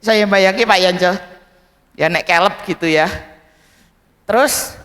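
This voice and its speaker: A male pastor preaching a sermon, telling a story and acting out its characters, building to loud shouted climaxes. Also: high-pitched, a little slow. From Indonesia. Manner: animated, acts out characters, rises to shouting climaxes. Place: large church hall. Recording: long church hall reverb.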